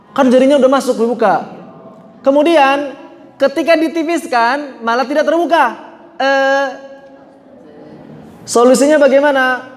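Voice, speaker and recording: High-voiced man teaching recitation, slow and echoing. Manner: demonstrates letter sounds slowly, drilling the class. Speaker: tajwid teacher. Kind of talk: online Quran recitation lesson.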